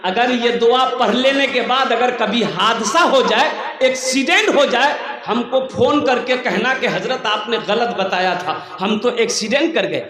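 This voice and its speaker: A man's voice: very high voice, unhurried, few pauses, a crowd in the background. A man with a Kolkata accent giving a humorous sermon, playfully quizzing his audience over a public address mic. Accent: Kolkata Hindi. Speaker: Islamic preacher. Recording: echoey hall, long reverb.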